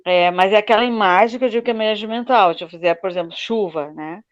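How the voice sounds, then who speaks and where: A woman teaching Portuguese to foreign learners on a video call, patiently repeating words slowly to model pronunciation. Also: mid-range voice, clear, resonant tone, lo-fi sound. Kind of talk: online class explanation.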